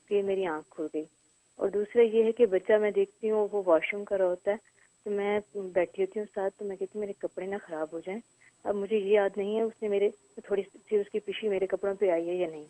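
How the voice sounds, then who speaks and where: A woman's voice: medium pitch, fairly even intonation, mellow, no echo, poor audio. Woman caller narrating dreams in detail. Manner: detailed, careful storytelling.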